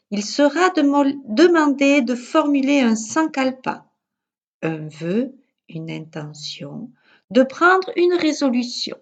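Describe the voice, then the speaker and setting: This is a yoga teacher guiding a very slow yoga nidra in a fairly high voice. Her instructions come calmly and deliberately, with soothing pauses in between, over audio that is a little dull and lo-fi.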